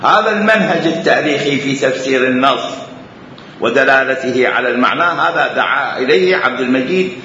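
A man's voice: medium pitch, expressive, brisk, sharp tone, a little hiss or hum. A man with an Iraqi accent giving a religious lecture, emphatic and repeating phrases for stress. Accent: Iraqi Arabic. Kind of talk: lecture on Islamic jurisprudence. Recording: echoey hall, dull lo-fi sound.

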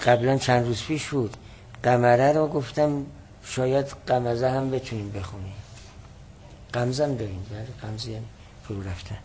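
A man's voice: mid-range voice, steady tone, slight background noise. Man teaching a classical text. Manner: explanatory, reads Arabic text slowly and louder.

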